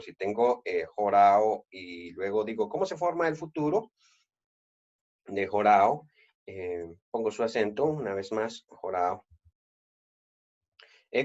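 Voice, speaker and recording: A man explaining Greek verb forms in a lesson, with many "eh" fillers as he thinks aloud. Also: medium pitch. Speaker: Greek teacher. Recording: dull lo-fi sound.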